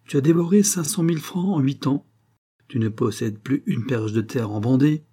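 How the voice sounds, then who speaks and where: A man reading the part of a worldly, commanding society woman in an audiobook, talking briskly and knowingly. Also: medium pitch, mellow, slightly rough, pitched above the performer's own voice, lightly acted.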